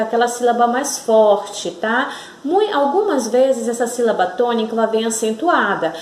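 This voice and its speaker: Woman teacher, high voice, lively pitch, slow and drawn out, stressing syllables, roomy echo. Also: a little hiss or hum. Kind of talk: children's Portuguese lesson.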